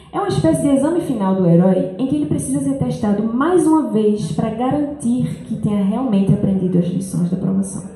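Young woman speaker, dark mellow tone, earnest and reflective, handheld mic in a big echoey school hall. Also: fairly high pitch. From Brazil and France. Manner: earnest, reflective, reads from paper. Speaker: speaker giving a school talk. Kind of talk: reading a personal talk aloud. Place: large school hall, indoors.

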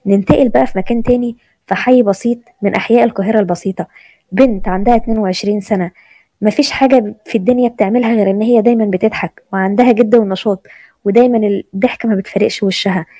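A woman's voice: medium pitch, steady tone, warm tone, no echo. A woman with an Egyptian accent narrating a serial story in a conversational way. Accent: Egyptian Arabic. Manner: rapid, conversational.

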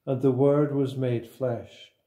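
A man leading a sequence of liturgical prayers in a slow, solemn, even recitation. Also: medium pitch, roomy sound. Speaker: prayer leader.

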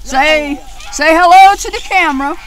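A woman's voice: high-pitched, normal speed, low-quality recording. A woman filming a family home video outdoors, laughing and cheering the kids on, heard through old camcorder audio. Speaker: home video camera operator. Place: backyard outdoors. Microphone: camcorder built-in mic.

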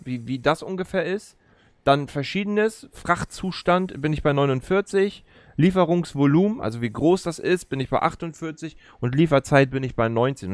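Fairly high in pitch, this thirties-aged man hosts a let's play, offering chatty, explanatory commentary on the game in a casual way. His close streaming mic sits at a gaming chair in an indoor streaming setup, and the recording has no echo.

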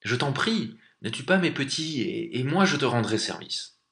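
A mother bear, as a man puts her on in a fairy tale, calling out high and loud, then begging for her cubs. The voice is bright and strained. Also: very animated, normal speed, reverberant. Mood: pleading.

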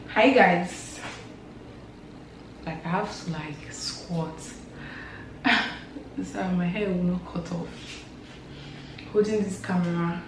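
A woman's voice: lowish voice, mellow. A young Nigerian woman in her twenties chatting casually to camera at home as a vlogger, rambling with lots of fillers. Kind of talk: casual vlog chat to camera. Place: bedroom and kitchen at home, indoors. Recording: echoey room with background noise.

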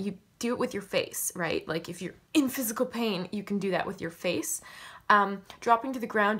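A woman's voice: medium pitch, fairly bright tone. A woman hosting her own channel, giving acting advice in a chatty, joking, self-mocking way. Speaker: acting coach YouTuber. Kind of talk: casual vlog-style acting advice.

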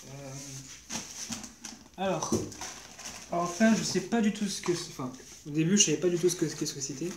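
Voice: mid-range voice, normal speed, long pauses. A young vlogger talking casually while unboxing gear, hesitant and rambling, often searching for words. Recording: roomy echo with clear background noise and crinkling.

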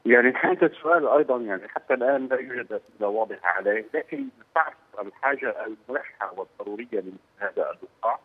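A man's voice: mid-range voice, husky. Man on a poor, tinny phone line. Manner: hesitant, pauses to search for words. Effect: poor-quality phone line. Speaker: political analyst. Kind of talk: phone interview on a news program. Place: Beirut, by phone.

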